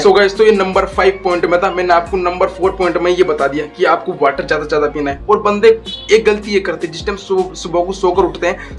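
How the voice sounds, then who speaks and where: A young man giving a casual spoken tutorial, talking slowly and deliberately and calling his viewers guys and bro. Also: high voice. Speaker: YouTube voice coach.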